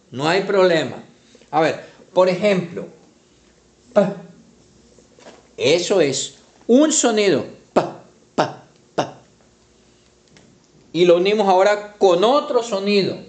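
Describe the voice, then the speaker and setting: A man teaching young children to read, slowly and patiently sounding out syllables. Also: high voice. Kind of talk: children's reading lesson at a whiteboard. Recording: echoey room.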